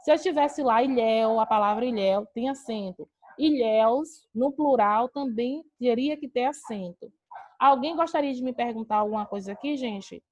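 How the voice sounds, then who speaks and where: A woman from Brazil teaches a grammar lesson online, her voice sitting a little high. She explains each rule patiently, posing a question and then answering it herself. The sound is that of a video call. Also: normal speed.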